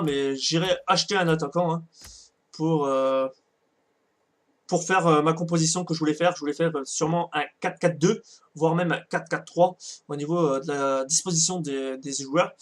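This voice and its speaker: A man's voice: on the high side, fairly bright tone. A man casually commenting on a football video game, hesitant, with many fillers and self-corrections. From France. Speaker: gaming channel host. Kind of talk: casual let's-play commentary.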